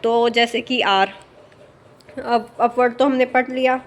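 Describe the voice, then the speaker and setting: Softly explaining woman shorthand teacher. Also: a little high, level tone. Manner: explains slowly with many fillers and "theek hai" checks. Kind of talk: casual spoken lesson.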